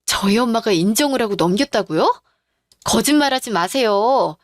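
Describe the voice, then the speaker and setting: A woman's voice: a little high, lively intonation, normal speed, no room sound, clean studio sound, close to an everyday voice. A woman playing a betrayed, furious wife. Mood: demanding. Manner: demanding, confrontational. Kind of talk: radio drama acting.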